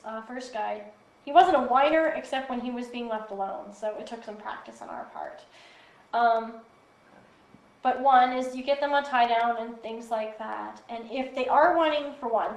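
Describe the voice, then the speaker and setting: A woman instructor talks through training steps in a calm, patient, practical way. Her voice sits slightly high. The room around her rings with echo. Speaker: guide dog instructor. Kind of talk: explanatory casual interview answers. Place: instructor's office.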